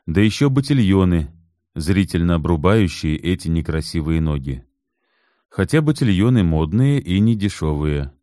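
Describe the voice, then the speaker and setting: Deep-voiced male audiobook narrator. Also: no echo, studio quality. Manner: measured, even storytelling. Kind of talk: scripted narration.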